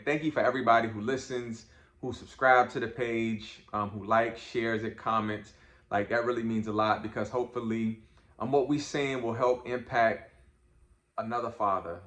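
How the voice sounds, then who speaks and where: A man's voice: mid-range voice, a bit bright, reverberant. A middle-aged man co-hosting a podcast with his daughter, talking in a playful, teasing, laid-back way with lots of fillers. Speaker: podcast co-host, father. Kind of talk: casual chat.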